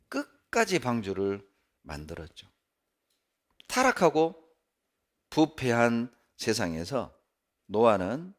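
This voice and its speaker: Lively, animated male pastor preaching. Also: medium pitch. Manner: animated, emphatic preaching with sharp rises and drops. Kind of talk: sermon. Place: church.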